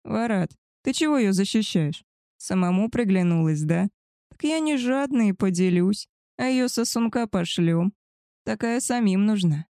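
A woman's voice: mid-range voice, expressive, a little slow, mellow, dry recording, studio quality. A woman voicing a rude, boastful young male werewolf who talks in a crude, taunting way.

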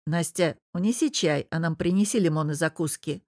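A stern, blunt businessman friend who gives curt orders, read by a woman narrating an audiobook. The voice sits low, and the delivery is short and commanding. The recording is dry, with no room echo. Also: moderate pace, a little mellow.

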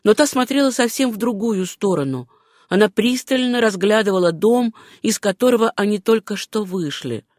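An audiobook narrator reading prose at a measured, unhurried pace. The voice sits in a middle pitch. The recording is close and dry. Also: animated, no echo. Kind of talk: scripted narration.

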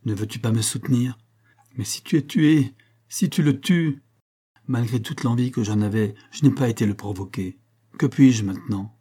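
A man's voice: mid-range voice, moderate pace, warm tone, husky, lightly acted. A man reading aloud as a terrified young wife pleading with her husband. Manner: pleading, distraught.

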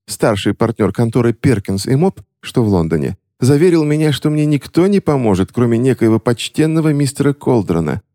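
A man's voice: mid-range voice, mellow, dry recording, clean studio sound, pitched above the performer's own voice, natural voice. A man voicing a cunning young witch who puts on tearful, theatrical grief to get her way. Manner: whimpering, theatrical, pleading.

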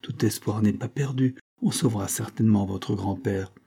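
A man's voice: on the low side, normal speed, gravelly, warm tone, breathy edge. Man voicing a falsely motherly older woman. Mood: soothing. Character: deceitful older woman feigning kindness.

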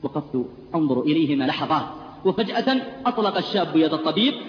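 A man's voice: fairly high pitch, very animated, fast. A man preaching a sermon, telling stories with fervent, tearful-sounding intensity. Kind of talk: impassioned sermon storytelling. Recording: echoey hall, dull lo-fi sound, faint hiss.

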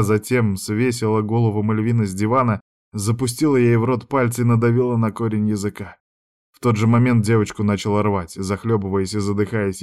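A man's voice: fairly low pitch, a little mellow, clean tone. A man narrating a dramatic audiobook in a tense storytelling manner.

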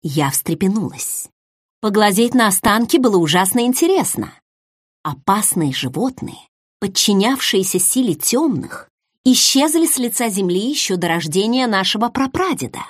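Animated woman audiobook narrator. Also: medium pitch, moderate pace, breathy edge, dry recording, clean studio sound. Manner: expressive, animated storytelling. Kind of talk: first-person fantasy audiobook narration.

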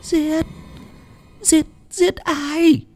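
A man voicing a shrill, quavering half-blind grandmother. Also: little pitch movement, darkish tone, exaggerated voice. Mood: shocked. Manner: quavering, slow and tearful, rising to shrill wails. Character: frail half-blind old grandmother, pious and grief-stricken.

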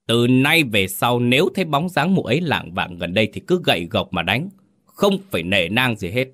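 A man's voice: medium pitch, very animated, moderate pace, a bit bright, pitched above the performer's own voice. A man voicing a cold, ruthless old village official who gives orders icily. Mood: cold commanding. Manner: icy, commanding.

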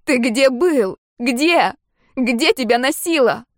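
A woman voicing a distraught young woman who shouts and sobs in turn, in an audiobook. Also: lively intonation, slow pace, no room sound, studio quality. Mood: furious. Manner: shrill shouting through sobs.

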